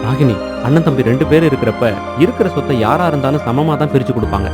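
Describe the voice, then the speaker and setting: A man voicing a dutiful elder son, quick and firm. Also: mid-range voice, over loud music, lightly acted. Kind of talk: cartoon voice acting.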